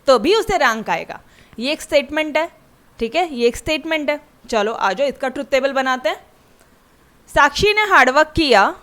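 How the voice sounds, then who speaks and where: A woman's voice: sits high, a bit bright. A woman maths teacher giving a chatty classroom lecture that mixes Hindi and English and keeps checking in with her students.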